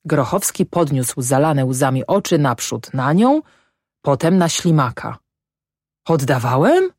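Low-voiced, slow woman narrator. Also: no echo, studio quality. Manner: calm, unhurried reading. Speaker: audiobook narrator. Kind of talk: scripted narration.

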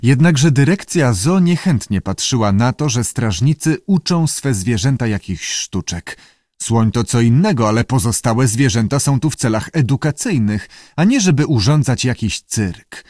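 Male audiobook narrator, measured, lively intonation, dry close sound. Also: mid-range voice, dry recording. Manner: steady, measured. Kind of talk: audiobook reading.

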